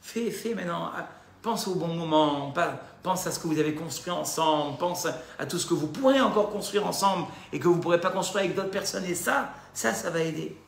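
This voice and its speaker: A man leads a recorded religious lesson, speaking directly to his audience and peppering it with rhetorical questions. His voice sits a little high with a gravelly edge. The room gives it a noticeable echo. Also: brisk, a little hiss or hum. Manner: lively, addresses listeners directly with rhetorical questions. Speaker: religious teacher. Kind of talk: recorded Torah class lecture.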